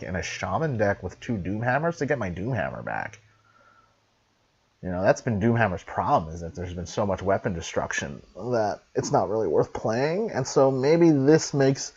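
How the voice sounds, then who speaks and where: A man giving a casual card game review, chatty and animated, who swears freely. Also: on the low side, breathy edge. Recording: dull lo-fi mic.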